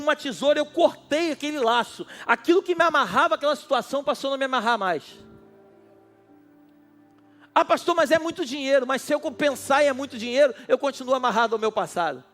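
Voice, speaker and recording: A male pastor with a very high, fairly bright voice delivers a sermon at a night church service. He is impassioned and talks straight to his audience.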